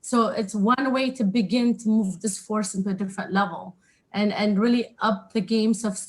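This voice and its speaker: A woman's voice: medium pitch, steady tone, darkish tone, poor audio. Earnest woman panelist from Ethiopia. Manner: earnest, reflective, slightly halting. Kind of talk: spoken remarks on a webinar. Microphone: video call.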